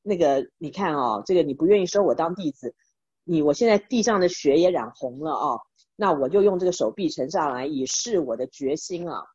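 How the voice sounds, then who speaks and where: A woman's voice: sits low, lively intonation, fairly quick, a little mellow, breathy edge, no echo. A woman doing a pleading young monk. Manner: pleading, boastful then anxious. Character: proud young monk turned desperate disciple. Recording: dull, dry lo-fi recording.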